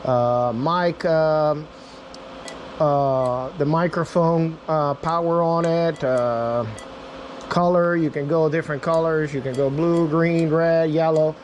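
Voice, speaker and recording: Slowly and in a steady, fairly high voice, a man demonstrates a radio in an informal, unscripted way, addressing viewers as "guys." The audio sounds dull and carries a little hiss or hum.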